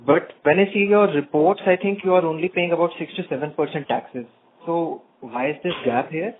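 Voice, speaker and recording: A man speaks over the phone, calling in as an investor. He asks careful, probing questions in a slightly raised voice. The thin, narrow line carries a faint hiss behind him. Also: fairly high pitch. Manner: inquisitive, deliberate questioning. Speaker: caller, individual investor. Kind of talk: earnings call question.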